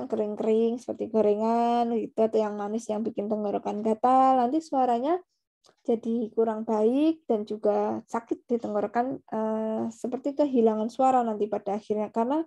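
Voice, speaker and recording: A woman's voice: on the high side, steady tone, moderate pace, dark tone. A woman teaching a public speaking class, explaining step by step and checking in with her listeners. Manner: explanatory, tags sentences with friendly "ya" checks. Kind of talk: online class lecture.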